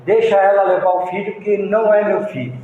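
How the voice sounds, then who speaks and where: A man's voice: sits high, steady tone, fairly quick, narrow, tinny audio, a little hiss or hum, lightly acted. A man with a Brazilian accent voicing a desperate mother begging the king, in an echoey hall. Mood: pleading. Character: pleading young mother confessing a lie.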